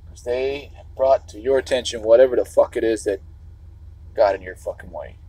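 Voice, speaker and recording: A man from the Chicago area rambles through a livestream from behind the wheel. His voice is husky and sits in an ordinary middle pitch. He keeps stopping to restart his thoughts, and he swears casually as he goes. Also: moderate pace, warm tone, no room sound, rough recording. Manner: meandering, restarts, swears often.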